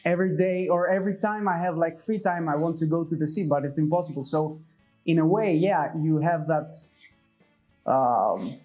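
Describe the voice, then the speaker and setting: A man's voice: a little high, normal speed, a little mellow, soft background music. A man, chatting as a guest in a barber's chair, thoughtful and hesitant with many fillers. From Crete, Greece. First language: Greek. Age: 20s. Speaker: guest, medical student. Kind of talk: casual chat.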